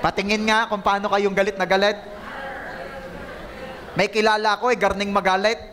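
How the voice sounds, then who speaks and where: Guy pastor preaching in church, high voice, jokey and teasing, chatty sermon. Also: little pitch movement, normal speed, pushed and bright, a little hiss or hum. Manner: playful, joking, teasing the congregation. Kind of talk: conversational sermon. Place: church service.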